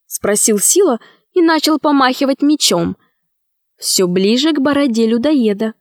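A woman with a high voice narrates a storybook in a clear, lively way. The recording is dry and close. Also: measured pace, no room sound. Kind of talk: audiobook narration.

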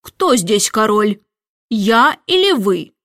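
A forgetful, boastful storybook king who hates his lessons draws out every word with slow pomp, as a woman reads him. The voice sits fairly high, and the dry close sound has almost no room echo. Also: big pitch swings, a bit bright, exaggerated voice. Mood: whiny, pompous. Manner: slow, drawn-out, pompous delivery.

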